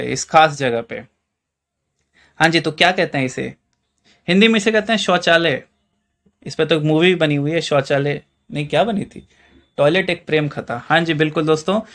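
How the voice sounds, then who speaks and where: Indian man, Hindi accent, high-pitched voice, chatty teacher, asks rhetorical questions. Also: fairly bright tone. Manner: quizzes the viewer with rhetorical questions; addresses listeners as friends, chatty. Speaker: English teacher. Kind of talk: classroom-style explainer lesson.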